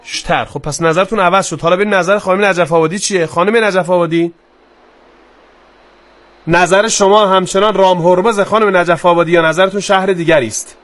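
A man with a high-pitched voice runs a live quiz show on air. He talks briskly, slowing down for scores and rushing through asides, and fills pauses with long drawn-out sounds. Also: steady tone, fairly bright tone. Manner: brisk, pace swinging from slow to quick. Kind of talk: live broadcast quiz hosting.

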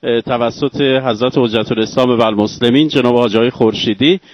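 A man's voice: mid-range voice, fairly even intonation, a little hiss or hum. A man hosting a live religious broadcast, speaking in a formal, ceremonious manner. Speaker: host reporting live from a mosque. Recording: dry, dull lo-fi sound.

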